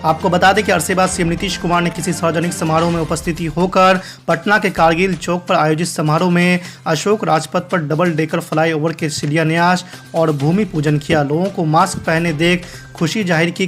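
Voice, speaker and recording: A man reading a news bulletin in a steady, formal way. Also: fairly high pitch, normal speed, hardly any pauses, faint music behind. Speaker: news anchor.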